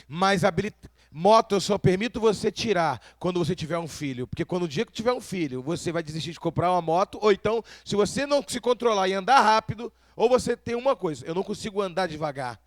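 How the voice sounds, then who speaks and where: Male preacher from Brazil, high voice, dry close sound, addresses the congregation with frequent questions. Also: fast, no room sound. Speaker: pastor. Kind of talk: sermon.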